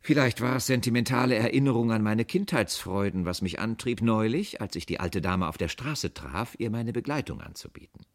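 A man narrating a humorous short story with wry, expressive delivery. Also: fairly low pitch, brisk, few pauses.

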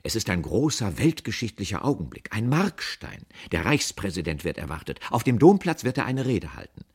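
A man's voice: low voice, a little fast, dark tone. A man voicing a patriotic old businessman who speaks pompously and musingly. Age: older.

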